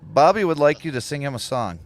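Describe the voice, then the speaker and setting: With a brisk delivery and lively intonation, this man's fairly high voice fills his casual livestream. He is a truck driver trainer who chats freely, reading out viewers' comments and laughing frequently.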